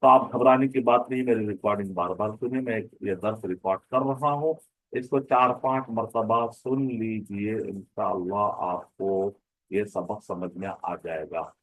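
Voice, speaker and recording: A man's voice: lowish voice, steady tone, a little slow, dry recording, rough recording. A man teaching an online grammar class, explaining patiently, repeating points and asking rhetorical questions.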